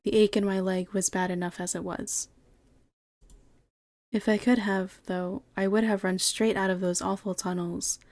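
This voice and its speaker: A woman streamer reading game text aloud in a measured way and answering her chat in quick asides, recorded at a home streaming setup. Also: mid-range voice, flat delivery, darkish tone, no room sound.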